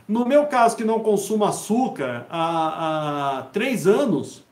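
A Brazilian man in his fifties speaks in a high-set voice for a man. He explains step by step, repeating himself and checking that he is understood. The room adds noticeable echo. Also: sing-song, measured pace, a little mellow. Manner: didactic, repetitive, with check-in tags. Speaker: health educator hosting a live Q&A. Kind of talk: informal explanatory talk answering questions. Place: small home study with bookshelves, indoors. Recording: echoey room.

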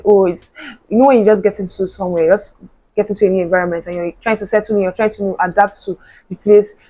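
A woman's voice: mid-range voice, darkish tone, low-quality recording. A young woman, a university student chatting casually to camera, full of "like" and "you know". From Nigeria. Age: young adult. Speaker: vlogger.

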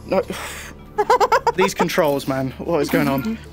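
A man's voice: on the high side, wildly swooping pitch, slow, a bit bright, soft background music. A man giving sweary, exasperated running commentary as he plays a horror game. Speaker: game streamer. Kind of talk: let's play commentary. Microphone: headset.

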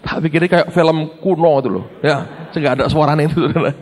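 A man's voice: fairly high pitch, fast. A middle-aged male pastor, telling a story in a sermon and acting out the dialogue while addressing the congregation.

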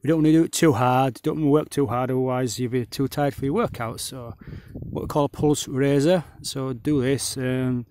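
A man's voice: mid-range voice, fairly even intonation, normal speed, a little mellow, slight background noise. A man who pronounces his R's as W's, giving casual exercise instructions as a fitness instructor. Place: outdoors on an open grassy hillside.

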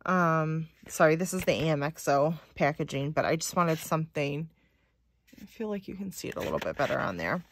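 Woman, lowish voice, chatty, unboxing haul vlog, reads stickers aloud. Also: lively intonation, a little fast, no room sound. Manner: chatty, reads sticker phrases aloud, many likes and ums. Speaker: planner haul vlogger. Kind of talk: casual unboxing chat.

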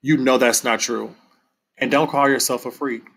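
A man reading aloud and voicing a gentle teenage older sister who speaks softly and coaxingly. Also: medium pitch, steady tone, moderate pace, gravelly. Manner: soft, coaxing.

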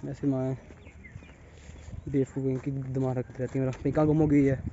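A young man vlogging casually outdoors in a sanctuary, chatty and teasing, speaking softly because his throat is sore. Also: medium pitch, level tone, moderate pace, lo-fi sound, slight background noise. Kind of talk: casual vlog narration.

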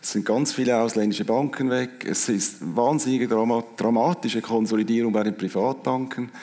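A man's voice: mid-range voice, moderate pace, mellow. Wry, emphatic Swiss man on stage. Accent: Swiss German. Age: middle-aged. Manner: emphatic, wry, repeats words. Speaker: history professor on a panel. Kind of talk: panel discussion. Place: large hall stage, seated in armchair. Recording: long hall reverb.

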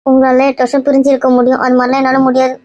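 A woman's voice: high voice, monotone, racing, a little mellow, lo-fi sound, slight background noise, close to an everyday voice. A woman playing a teasing young college friend who scolds the others, in a homemade skit. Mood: insistent.

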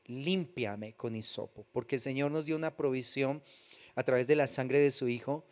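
A man delivers a church sermon in a mid-pitched voice. He reads scripture aloud, then breaks it down earnestly and checks in with the congregation through rhetorical questions. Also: normal speed. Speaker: pastor.

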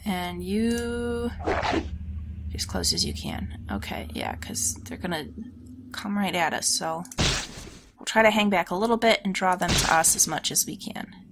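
A woman with a fairly low, scratchy voice that sounds like a sore throat hosts a let's play series. She's very animated but unhurried, chatting casually and thinking aloud as she plays the game.

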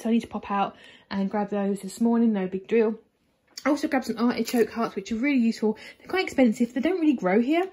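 A woman's voice: fairly high pitch, warm tone. A woman in her forties with an English accent, chatting casually through a grocery haul in her home kitchen, recorded on a phone camera held at arm's length. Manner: chatty and upbeat, many fillers and restarts. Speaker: vlogger.

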